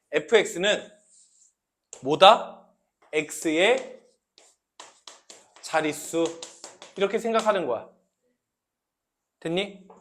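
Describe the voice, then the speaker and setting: Male math tutor, high pitch, slow delivery, quizzing the class as he explains. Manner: questioning students, repeating key terms, varying loudness. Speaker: math teacher. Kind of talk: classroom lecture.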